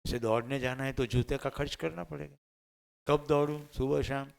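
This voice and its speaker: A man's voice: mid-range voice, fairly even intonation, brisk, vocal fry, smooth. A man with a Gujarati accent giving a motivational lecture to teachers. He asks the room questions and then answers them himself, and he mixes in Hindi and English terms. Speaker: teacher trainer.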